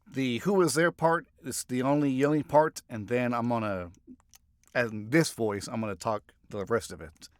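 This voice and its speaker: In a recording booth, a male voice actor reads takes of first-person narration, muttering to himself in between and often restarting lines. His voice is medium-pitched and a little slow, captured dry and at studio quality on a studio microphone.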